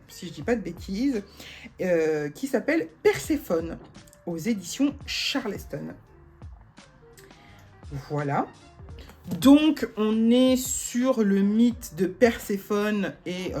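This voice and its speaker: Young woman rambling about her book haul, slow and giggly, soft music behind. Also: mid-range voice. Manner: chatty, many fillers, giggles often. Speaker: book vlogger. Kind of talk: casual book haul chat.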